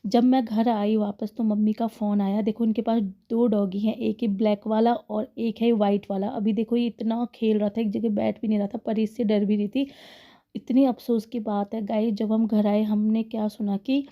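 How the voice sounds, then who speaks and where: A woman's voice: medium pitch, flat delivery, moderate pace, lo-fi sound. A woman in her thirties narrating a casual family vlog voice-over, chatty and often laughing as she talks to her viewers. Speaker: vlogger.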